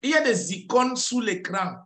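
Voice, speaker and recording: Over a video call picked up by a webcam, a middle-aged man tutors English from a small, tile-walled office, and the sound is roomy. He has a high, bright voice with lively intonation and talks a little fast. Patient throughout, he repeats corrections and phrases and explains things in French.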